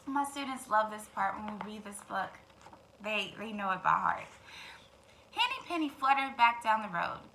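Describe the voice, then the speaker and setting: A mid-range female voice at normal speed belongs to a teacher hosting storytime. She reads expressively to young children, adding asides aimed right at them, while clear background noise runs underneath.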